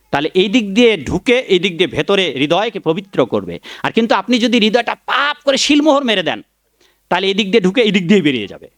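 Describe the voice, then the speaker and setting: High-voiced man preaching emphatically. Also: a bit bright, no room sound, clean studio sound. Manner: emphatic, addresses listeners as father and mother, scolds critics. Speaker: Vaishnava preacher giving a Bhagavat discourse. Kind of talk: devotional sermon with chanted mantras.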